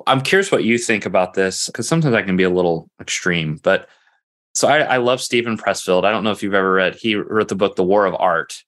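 A man hosting a conversational interview, talking in a reflective, energetic way and often rephrasing himself. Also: low voice, brisk. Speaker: podcast host.

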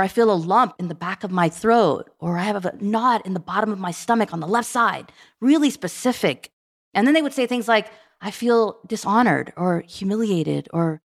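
A middle-aged woman telling stories as a podcast guest, acting out quoted dialogue as she goes. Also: medium pitch. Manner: fast, animated storytelling with quoted dialogue. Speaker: guest, program management director. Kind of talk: storytelling in a podcast interview.

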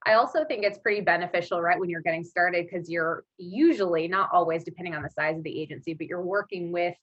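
A woman's voice: lowish voice, quick pace, slightly rough, dry recording. A woman speaking as a podcast guest in an informal, conversational way, in a casual interview chat with muffled audio. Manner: informal, conversational, frequent 'like' as filler. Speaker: podcast guest, marketing leader.

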